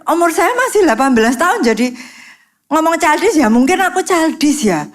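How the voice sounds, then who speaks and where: A woman with an East Javanese accent giving a personal testimony in church, telling her story in a lively way and sprinkling English phrases in. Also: high voice. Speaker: guest speaker.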